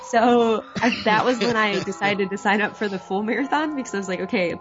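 A woman's voice: mid-range voice, a little fast, slight background noise. A woman with a nasal, congested voice from a cold, chatting casually as a podcast co-host and laughing often. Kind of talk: casual chat. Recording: dull lo-fi audio.

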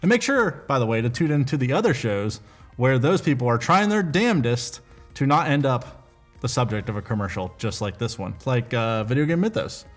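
A man's voice: brisk, faint music behind. Man hijacking the broadcast for a mock ad. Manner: deadpan mock-serious pitch, self-mocking. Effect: hijacked broadcast, a mock interruption of the show. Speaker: network owner cutting into the show with a mock ad.

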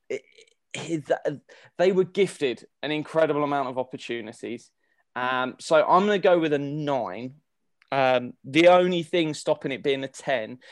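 A man with a fairly high voice talks through sports analysis in a casual podcast style. He thinks aloud in a halting way, and the recording is dry and close, without room sound. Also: no room sound. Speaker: podcast co-host analysing games.

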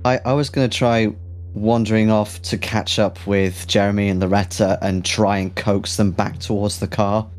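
Low-voiced earnest man playing a tabletop game. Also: steady tone, normal speed, faint music behind. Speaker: player. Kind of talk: tabletop role-play, in and out of character.

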